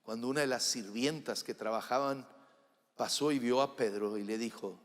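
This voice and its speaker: A man preaching a live church sermon, swinging from loud declarations to hushed, soft passages. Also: mid-range voice, normal speed. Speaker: pastor. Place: church sanctuary during a service. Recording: reverberant church hall with faint music.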